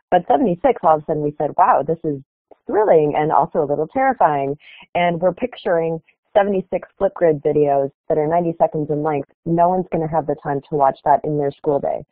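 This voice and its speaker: A woman from the Chicago area delivers a keynote at an online conference, earnestly explaining her project with some fillers. Her voice is deep and quick, with no room sound, and the video-call audio is tinny and phone-like.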